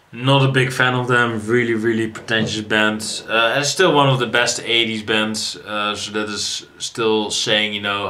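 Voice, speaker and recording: A man's voice: lowish voice, bright, forceful tone. A tired man hosting a music reaction video, rambling casually with frequent restarts and swearing. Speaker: music reaction channel host.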